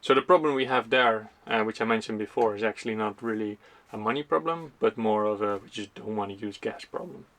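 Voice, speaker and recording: A man hosting a community project vlog, explaining costs and plans in a relaxed, plain-spoken way. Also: fairly low pitch, brisk, hardly any pauses. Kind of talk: casual explanatory vlog narration.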